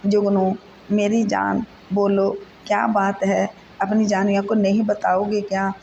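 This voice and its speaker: A woman's voice: mid-range voice, flat delivery, darkish tone, highs cut off, a little hiss or hum, close to an everyday voice. A woman reading the lines of a devoted young wife who coaxes and pleads with her husband. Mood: pleading. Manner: coaxing, pleading.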